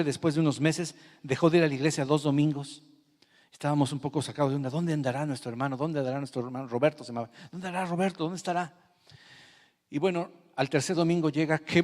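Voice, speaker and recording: A man with a Mexican Spanish accent preaches a sermon, his fairly high voice carrying a long reverb from a church hall. He tells his story with feeling, dropping quiet and then climbing loud. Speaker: pastor.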